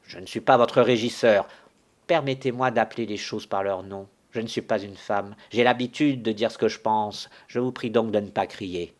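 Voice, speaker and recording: A man voicing a gruff, blunt middle-aged landowner in a solo dramatic reading of a stage farce, sarcastic and quick to shout. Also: fairly low pitch, fairly even intonation, close to an everyday voice. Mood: shouting angry.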